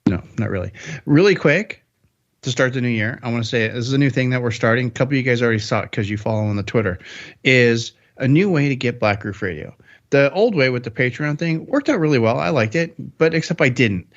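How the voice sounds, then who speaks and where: A man's voice: medium pitch, lively intonation, fast talker, highs cut off. Upbeat rambling podcast host, man. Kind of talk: casual podcast chat.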